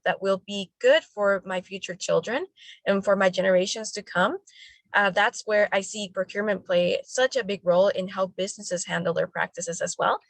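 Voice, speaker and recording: A woman's voice: mid-range voice, no room sound. A young woman from the Dominican Republic speaking enthusiastically as a panelist. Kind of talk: panel discussion.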